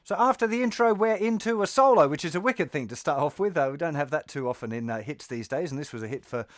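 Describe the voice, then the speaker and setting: A man giving a guitar lesson, explaining in a relaxed way and counting beats aloud. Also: on the high side, fast, dry recording, studio quality. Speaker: guitar teacher. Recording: loud guitar under the voice. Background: loud guitar playing.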